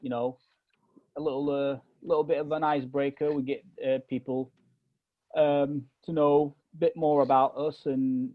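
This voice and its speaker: A young man from Egypt, Arabic being his first language, chats hesitantly as a podcast co-host, leaning on fillers and restarting sentences. His British accent has a hint of American, and his voice is on the high side, level in tone, at a normal speed. The sound has no echo but is narrow and tinny.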